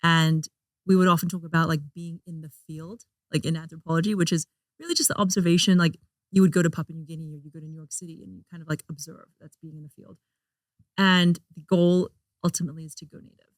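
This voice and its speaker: A woman's voice: low voice, fairly even intonation, fast talker, dry recording, studio quality. A woman from Hong Kong, a guest in a casual interview, chatty, laughing often and talking with many fillers and restarts.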